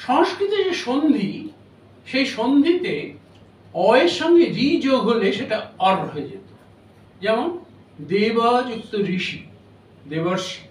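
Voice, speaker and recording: A man. He explains slowly and pauses between short phrases. The sound is roomy and distant, picked up from across a hall with a faint hiss behind it. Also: high-pitched. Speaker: lecturer. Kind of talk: memorial lecture on phonetics. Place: lecture hall.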